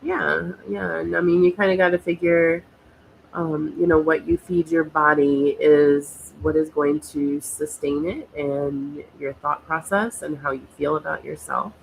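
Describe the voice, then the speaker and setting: A woman's voice: deep voice, steady tone, unhurried, vocal fry, slight background noise, poor audio. An American woman hosting a casual talk, nasal from a cold, speaking in hesitant, rambling phrases with many fillers. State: has a cold. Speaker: host.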